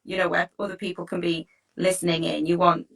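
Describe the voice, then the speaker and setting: Speaking a little fast in a fairly low, gravelly and slightly bright voice with a level tone, a teacher well-being coach and host offers advice. The talk is informal and conversational, warm and reassuring, with example phrases acted out as she goes.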